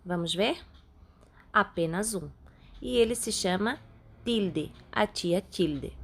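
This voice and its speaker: A woman teacher with a Brazilian Portuguese accent, patiently explaining a grammar lesson step by step and slowing down on key words. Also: medium pitch. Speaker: Spanish teacher. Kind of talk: recorded online class.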